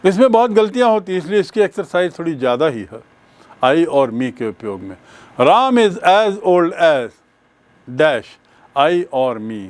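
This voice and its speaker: Slow, animated male teacher. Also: on the high side. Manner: slow, deliberate explaining with spelled-out letters and examples. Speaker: English grammar teacher. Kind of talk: bilingual classroom lecture.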